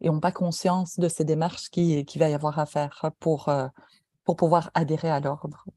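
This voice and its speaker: A Belgian woman with a Belgian French accent talks as an interview guest, explaining her field in a mellow, somewhat low voice. She often restarts her sentences. The sound is dry and close. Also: little pitch movement, normal speed, no echo. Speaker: guest, speech therapy professor. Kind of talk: conversational interview.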